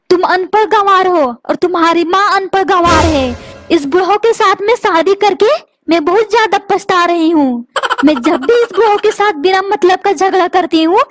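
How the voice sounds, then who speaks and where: Shrill cartoon wife, whiny and quarrelsome, music under. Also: female voice. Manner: whiny, complaining, insulting. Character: dramatic complaining wife, middle-aged, quarrelsome. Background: background music.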